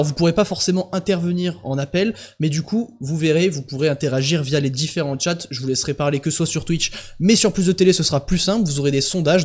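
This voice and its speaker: Man, young, high-pitched, live-stream host, casual, joking. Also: darkish tone.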